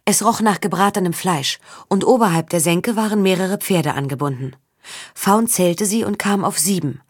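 A woman reading a story aloud as an audiobook narrator, steady and even. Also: mid-range voice, moderate pace, husky, no echo, clean studio sound. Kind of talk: scripted narration.

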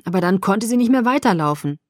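Woman as anxious, eager teen boy in an audiobook, rushed delivery, dry recording. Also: medium pitch, lively intonation, no room sound, natural voice. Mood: flustered. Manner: flustered, rushed. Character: nervous, eager teenage schoolboy.

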